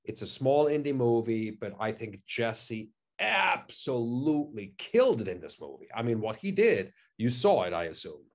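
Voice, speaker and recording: A Swiss actor whose first language is German joins a casual interview via webcam from his living room at home. His mid-range male voice is very animated, at normal speed with few pauses, and he's enthusiastic, repeating words and using lots of "you know" and "I mean."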